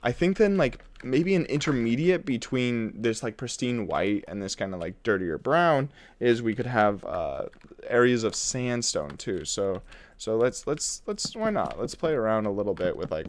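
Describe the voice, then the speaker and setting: A man live-streams a building game, chatting casually in a playful, rambling way and chuckling often. His lowish voice is very animated at a normal speed, and he sounds congested with a runny nose.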